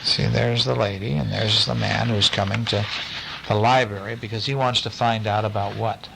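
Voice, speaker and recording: Background noise sits behind a lowish male voice with vocal fry, moving at a moderate pace. He gives a lively bedtime-story reading, stopping now and then to question and chat with a young listener and to explain words.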